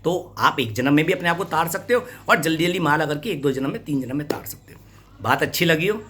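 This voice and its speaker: A man's voice: a little high, expressive, fast talker, fairly bright tone, a little hiss or hum. A man giving a devotional sermon, scolding and urging his listeners with rhetorical questions and repetition. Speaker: devotional preacher.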